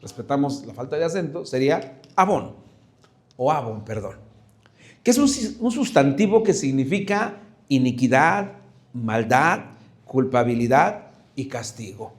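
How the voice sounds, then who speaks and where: A man's voice: medium pitch, big pitch swings, normal speed. A man, preaching a sermon as pastor, earnest and searching, often restarting and asking rhetorical questions.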